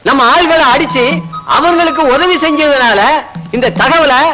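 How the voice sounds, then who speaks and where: A pompous high-voiced village headman. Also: unhurried, over music, low-quality recording. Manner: pompous, issues verdicts loudly. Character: pompous self-important male village headman. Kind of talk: comedy film dialogue. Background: film score.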